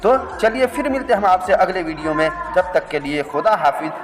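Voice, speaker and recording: A man's voice: high-pitched, lively intonation, moderate pace, in a large hall, rough recording. A man teaching a language lesson, patiently spelling out letters and repeating each word twice. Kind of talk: slow step-by-step script lesson.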